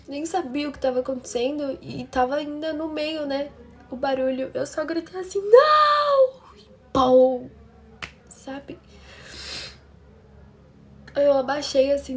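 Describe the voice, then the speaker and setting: Uma mulher brasileira que conta de forma dramática uma história pessoal, falando diretamente com as ouvintes. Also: female voice, high voice, fairly even intonation, measured pace, long pauses, warm tone. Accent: Brazilian Portuguese. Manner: dramatic, talks straight to her listeners. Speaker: storytelling channel host. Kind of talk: emotional first-person storytelling.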